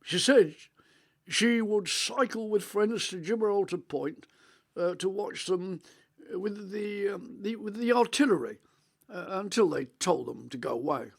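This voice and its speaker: A man, playing a rambling, reminiscing elderly grandfather on a video call in a radio monologue; his voice is rich and melodious, with halting restarts. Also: high voice, vocal fry, heavily acted. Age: 80s.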